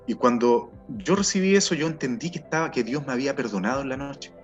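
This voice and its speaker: A middle-aged Chilean man telling his personal testimony in an earnest, halting way, often repeating words as he searches for them. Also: mid-range voice. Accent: Chilean Spanish. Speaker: testimony speaker. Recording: dull sound with faint music behind.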